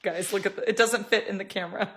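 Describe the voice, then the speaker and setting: Woman chatting in her kitchen on a cooking vid, all excited and gushy, middling voice. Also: medium pitch, quick pace, a loud crowd. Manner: excited, gushing, laughs often. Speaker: cooking video host. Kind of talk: casual cooking vlog chat.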